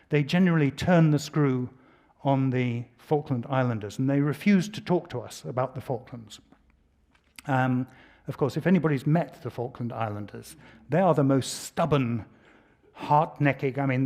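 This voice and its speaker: A man's voice: medium pitch, darkish tone. British man telling lecture anecdotes. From Britain. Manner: conversational storytelling, dry humor. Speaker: lecturer, former ambassador. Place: lecture hall.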